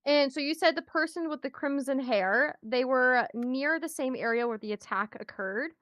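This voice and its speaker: A woman's voice: high voice, normal speed, fairly bright tone, no echo. A woman playing the prosecutor in a mock trial, asking questions hesitantly. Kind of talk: mock trial role-play.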